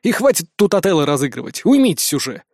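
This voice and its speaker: A man's voice: a little high, big pitch swings, fast, darkish tone, no echo, clean studio sound. A man playing a brash, laid-back male friend who lectures bluntly in slang. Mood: lecturing.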